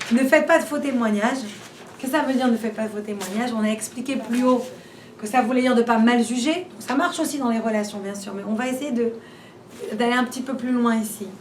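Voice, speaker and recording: A woman giving an informal class, chatty and full of rhetorical questions, repeating and restarting as she talks. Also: a little high. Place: room where she teaches a class. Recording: roomy and distant, faint background noise.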